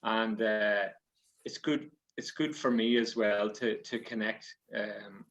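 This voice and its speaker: A man's voice: on the low side, steady tone, slow pace, fairly bright tone. Male Irish storyteller, Donegal accent, folksy and hesitant, addressing listeners directly. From South Donegal, Ireland. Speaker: storyteller and author.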